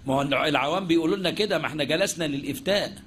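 A man's voice: fairly high pitch, rapid-fire, fairly bright tone, slight background noise. A man with an Egyptian accent teaching Islamic jurisprudence, asking and answering his own questions and mixing formal and colloquial speech. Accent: Egyptian Arabic. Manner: mixes formal classical phrasing with colloquial speech. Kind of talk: religious lesson.

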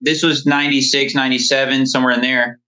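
Quick and sharp, with a medium pitch that hardly shifts, this thirties-aged lawn care business owner is a phone-in podcast guest. His casual interview stories ramble, full of "you know," and the call audio is muffled and band-limited.

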